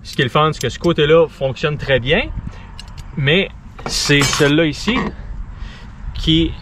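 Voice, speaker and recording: A man's voice: a little high, a little slow. Québécois guy in his 40s, easygoing diy sailing vlog, traffic noise outside. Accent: Quebec French. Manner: relaxed, chatty, with frequent fillers and restarts. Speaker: sailing vlogger. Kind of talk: casual how-to vlog. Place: outdoors on a sailboat in a boatyard. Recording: noisy outdoor ambience.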